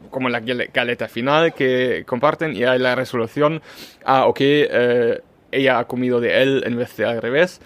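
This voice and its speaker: A man with a German accent co-hosts a podcast in casual chat, speaking at an ordinary pitch with a fairly bright tone. He thinks aloud, often pausing on fillers and restarting sentences.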